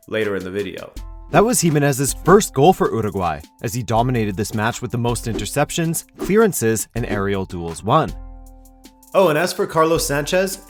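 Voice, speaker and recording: On his daily football review program, a male host works through a scripted match summary, adding dry, wry remarks while his voice grows slightly hoarse. His commentary swings lively in pitch.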